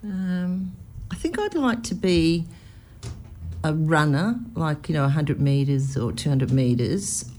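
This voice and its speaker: A woman's voice: sits low, big pitch swings, takes it slowly, dark tone, slight background noise. An Australian woman co-hosting a local radio show, joking and self-deprecating. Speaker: radio co-host. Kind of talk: casual radio chat.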